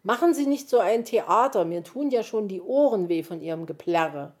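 A woman's voice: fairly high pitch, expressive, normal speed, dark tone, pitched above the performer's own voice, lightly acted. A woman voicing an impatient, scolding male fox. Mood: grumpy. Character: gruff, grumpy male fox.

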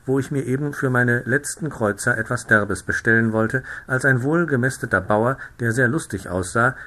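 Male audiobook narrator, bright tone, lively classic storytelling. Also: mid-range voice. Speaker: audiobook reader.

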